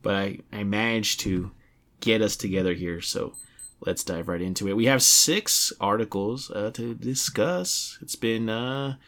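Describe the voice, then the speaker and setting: A man's voice: lowish voice, a little slow, fairly bright tone. A young adult man hosting a casual video game podcast, talking in a rambling way with many restarts and fillers. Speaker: podcast host.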